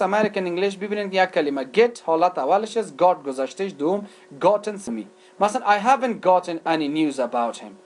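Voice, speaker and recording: A man with an Afghan accent, a native Dari speaker, lecturing on English grammar. He switches between Dari and English and asks questions, then answers them himself. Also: sits high. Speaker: English teacher. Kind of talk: recorded lecture.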